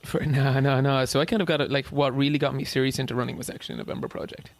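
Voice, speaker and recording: A man's voice: medium pitch, flat delivery, rapid-fire, no room sound. An Irish man in his thirties, chatting as a podcast guest, rambling with restarts and casual swearing. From Ireland. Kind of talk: casual interview chat.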